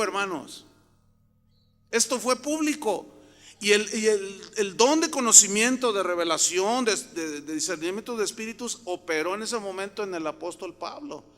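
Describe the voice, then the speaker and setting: A man from Mexico preaching a sermon, telling a story and often rising to loud, emphatic outbursts. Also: high-pitched, lively intonation, moderate pace. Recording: long hall reverb.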